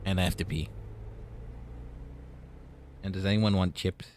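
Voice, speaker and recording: A man's voice: deep voice, fairly even intonation, unhurried, darkish tone, a little hiss or hum. A man co-hosting a gaming video, chatting casually and reading out game dialogue.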